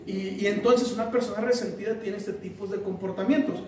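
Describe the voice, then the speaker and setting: A man preaching a sermon to a congregation, animated, quizzing the listeners and acting out resentful people. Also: sits high, fairly quick, a little hiss or hum. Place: church hall with a congregation. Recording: very echoey hall, mic at a distance.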